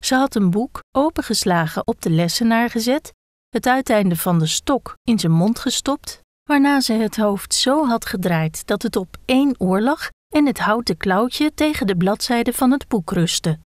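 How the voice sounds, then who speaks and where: A woman calmly reading a children's book aloud. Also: on the high side, normal speed, no echo, clean studio sound. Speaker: reader.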